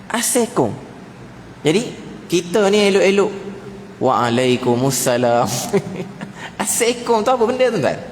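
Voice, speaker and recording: A male preacher with a Malaysian Malay accent delivers a casual, animated mosque lecture. He keeps turning to his listeners and playfully mimics greetings in high-pitched voices. His voice rings through a reverberant hall with faint room ambience underneath. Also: a little hiss or hum. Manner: repeatedly addresses audience as tuan-tuan.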